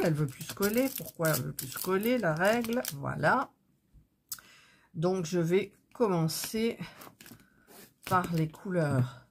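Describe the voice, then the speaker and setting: Chatty low-voiced woman crafting at her desk. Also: breathy edge. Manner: chatty, self-interrupting, easily flustered. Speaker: craft channel host. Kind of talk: casual chat while crafting. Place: home desk.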